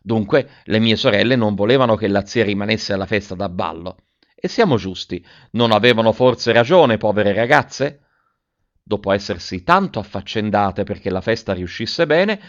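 A man reading a child's diary aloud as a story, lively and theatrical, with big swings in pitch and loudness. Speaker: audiobook reader. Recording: dull lo-fi recording.

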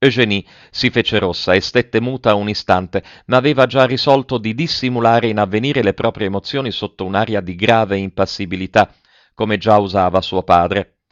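A man narrating a novel aloud in a steady, unhurried reading. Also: on the low side, no echo. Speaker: audiobook narrator. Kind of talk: scripted narration. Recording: dry, dull lo-fi.

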